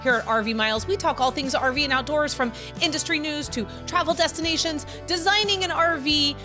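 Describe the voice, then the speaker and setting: A woman's voice: sits high, a little fast, music in the background. Playful female podcast co-host. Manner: playful, teasing, animated. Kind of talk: casual chat.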